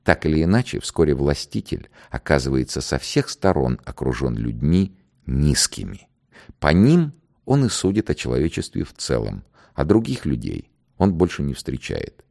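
Man reading a calm condemned poet, quiet and thoughtful, deep raspy low voice. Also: exaggerated voice. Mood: reasoned. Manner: measured, quiet, reflective. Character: calm, dignified male poet facing execution. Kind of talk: dramatized reading of a dialogue.

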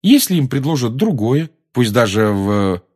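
A man reading an audiobook, voicing a clever, cool-headed schoolgirl who speaks calmly and pointedly. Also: medium pitch, measured pace, husky, pitched above the performer's own voice. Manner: calm, pointed, sarcastic.

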